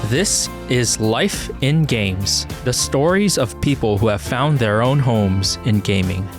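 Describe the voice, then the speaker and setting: A man's voice: mid-range voice, lively intonation, slow, music in the background. A man hosting a podcast, narrating in a scripted, wry and self-deprecating way. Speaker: podcast host.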